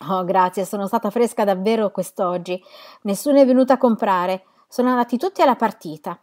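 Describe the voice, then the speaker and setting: A woman voicing a shy, lonely shopkeeper who grows lively in conversation, read from a novel. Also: mid-range voice, brisk, lightly acted.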